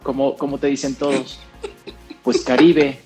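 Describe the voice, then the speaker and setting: Unhurried and mid-range, this man's voice comes over music as he talks in a casual conversation. He's a guest from Costa Rica, middle-aged, an actor and presenter, chatty and relaxed, with frequent laughter.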